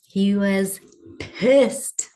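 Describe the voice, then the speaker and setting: Chatty woman vlogger, medium pitch, casual confessional storytelling, says like a lot. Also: very slow, warm tone. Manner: chatty, frequent "like", quotes own thoughts and affirmations. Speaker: vlogger telling a personal success story.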